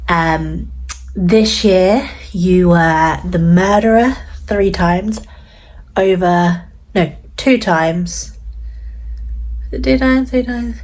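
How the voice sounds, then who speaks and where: A woman's voice: lowish voice, drawn-out words, long pauses, darkish tone. A woman, chatting casually and reflectively as she replies to her younger self in a vlog. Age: 30s. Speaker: vlogger.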